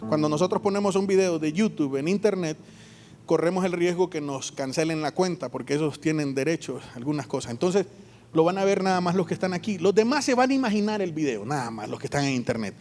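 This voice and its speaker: A man with a Honduran accent preaching a lively sermon, acting out voices and joking with the congregation. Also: on the high side, fast talker, a little hiss or hum. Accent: Honduran Spanish. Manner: animated storytelling, acts out voices and jokes. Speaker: pastor. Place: church hall.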